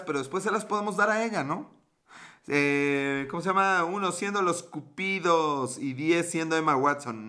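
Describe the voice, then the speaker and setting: His voice is a little high with a sharp tone. A man with a Mexican accent, slightly tipsy, rambles through a casual livestream chat, swearing and using slang as he reads out what his viewers comment.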